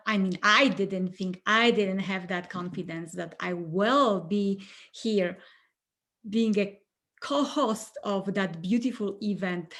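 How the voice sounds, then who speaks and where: A woman from Poland with a Polish accent, co-hosting a conference and sharing her story in a halting, earnest way. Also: mid-range voice, a bit bright. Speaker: co-host. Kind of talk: personal testimony speech.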